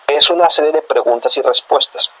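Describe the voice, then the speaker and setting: A man preaching a sermon as pastor, explaining scripture to his congregation in a lively, animated way. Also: a little high, a little fast, a little hiss or hum, low-quality recording. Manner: animated preaching, addresses listeners as brothers. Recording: radio broadcast.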